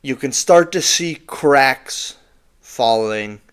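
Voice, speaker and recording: Young guy rambling bout wrestling, kinda stumbly, smooth voice. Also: mid-range voice, lively intonation, drawn-out words, fairly bright tone. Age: young adult. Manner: rambling, stumbles over words. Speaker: podcast co-host. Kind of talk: casual wrestling recap chat.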